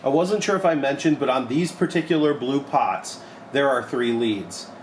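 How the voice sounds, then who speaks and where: In a cramped, cluttered electronics repair shop indoors, a young male technician with a medium-pitched voice demonstrates a modification. His tutorial is practical and relaxed, each step put in simple terms at an ordinary pace, while the room echoes and background noise carries through.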